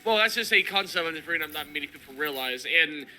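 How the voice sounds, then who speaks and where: High, bright Southern US man streaming. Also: animated, fast, faint music behind. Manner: blunt, rambling, swears casually. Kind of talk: casual chat while gaming.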